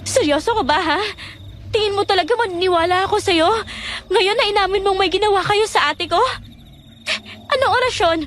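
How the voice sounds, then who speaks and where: A woman's voice: brisk, long pauses, fairly bright tone, slight background noise. A woman playing a frightened young woman who keeps demanding answers in a horror audio drama. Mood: alarmed. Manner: high, anxious, demanding questions.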